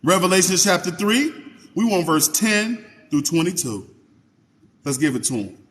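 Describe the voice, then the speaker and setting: A man reading scripture slowly and then preaching in casual asides, talking to viewers by name and asking them questions. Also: high voice, lively intonation, a bit bright, big-room sound. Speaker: Bible teacher on a livestream. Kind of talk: informal Bible reading and preaching.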